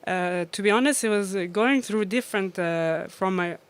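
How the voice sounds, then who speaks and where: A woman from Iran, interviewed casually as a DJ and guest, shares stories in a smooth, mid-range voice at normal speed. Fillers pepper her speech, and she laughs often.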